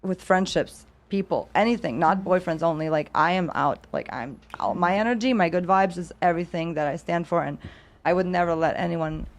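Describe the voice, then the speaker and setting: Woman in her 30s, a bit low voice, stop-start talk, laughs a lot. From Croatia. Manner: halting, laughs often, many restarts. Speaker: interview guest. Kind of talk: casual interview chat.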